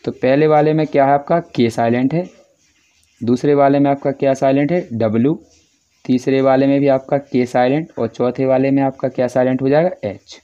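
A man's voice: medium pitch, fairly even intonation, a little fast, dark tone, lo-fi sound. A man acting as teacher, walking through textbook answers step by step and repeating filler phrases as he goes. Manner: repetitive, fills with "yahan par". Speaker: teacher solving textbook exercises.

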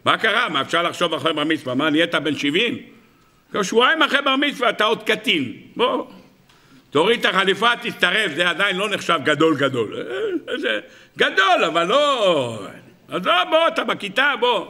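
A man's voice: sits high, sing-song, sharp tone, heavily acted. A man doing teasing teenage boys. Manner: teasing, coaxing.

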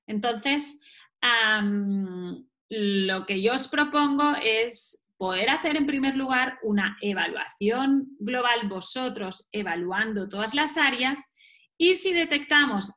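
A woman's voice: on the high side, sharp tone. A woman from giving a recorded lecture, explaining step by step and answering her own questions. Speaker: teacher.

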